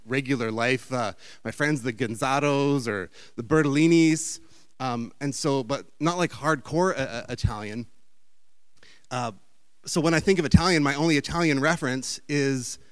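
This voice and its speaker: A man's voice: mid-range voice, moderate pace, clear, resonant tone, no room sound. A man giving a chatty, meandering storytelling talk with slides.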